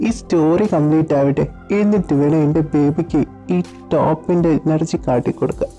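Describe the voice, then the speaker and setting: A woman voicing a possessive, teasing young male lover in an audio story drama, speaking low and smug. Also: brisk, mellow, muffled recording, soft background music, close to an everyday voice. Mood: doting. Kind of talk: audio story drama with one reader voicing all roles.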